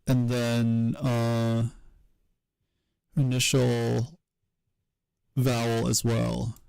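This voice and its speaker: A man streaming as he works through a linguistics problem, thinking aloud in a hesitant, wry way with many pauses. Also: medium pitch, completely flat delivery, gravelly, darkish tone, clear, resonant tone, dry recording. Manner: hesitant self-talk with many pauses and fillers.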